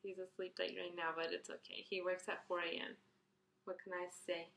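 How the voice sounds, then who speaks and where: Young woman, early twenties, vlogger answering a Q&A, bright chatty tone, echoey room. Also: on the low side, monotone, brisk, a little hiss or hum. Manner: chatty, rambling, restarts and fillers, reads questions out brightly. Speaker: beauty vlogger. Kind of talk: casual Q&A tag video.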